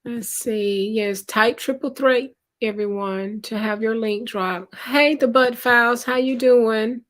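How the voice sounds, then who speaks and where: Woman host, slightly high voice, slow easy delivery, friendly live-chat greeter. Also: steady tone. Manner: greets viewers by name, reads chat aloud; unhurried, conversational. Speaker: livestream host. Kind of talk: casual live-stream chat.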